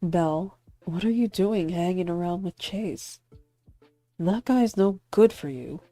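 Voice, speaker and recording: A woman's voice: lowish voice, expressive, measured pace, warm tone, dry recording, faint music behind. A woman voicing a young man who bluntly warns his sister about bad company. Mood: disapproving. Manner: blunt, disapproving.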